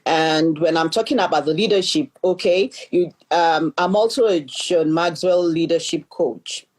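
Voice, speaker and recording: Speaking a little slowly in a lowish, darkish voice, this woman tells her life story in an interview. She's a middle-aged Nigerian leadership coach on a podcast, earnest and prone to repeating words as she thinks.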